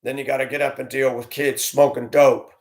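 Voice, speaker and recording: In a mid-range voice, slightly quick and even in tone, an ex-school bus driver recounts his own experiences. It's candid, sincere storytelling laced with venting.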